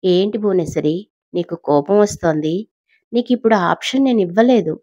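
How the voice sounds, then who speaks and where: A woman's voice: medium pitch, animated, moderate pace, warm tone, dry recording, lightly acted. A woman voicing a mysterious, taunting female blackmailer in an audio story, with a sarcastic edge and a dry, dull sound. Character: mocking mysterious woman blackmailer, laughing cruelly.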